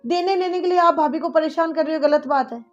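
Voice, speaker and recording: Woman playing a fed-up daughter lecturing her mom, high pitched, muffled lo-fi sound. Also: quick pace, natural voice. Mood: exasperated. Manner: insistent, lecturing, exasperated. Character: exasperated grown daughter scolding her mother. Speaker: daughter on the phone. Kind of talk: family drama acting. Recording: dull lo-fi audio with faint music.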